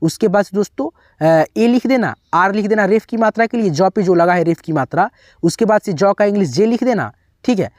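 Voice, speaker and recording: Patient man spelling words out slowly. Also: high voice, expressive, no room sound, clean studio sound. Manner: keeps saying "okay, friends". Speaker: teacher. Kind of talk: spelling lesson for beginners.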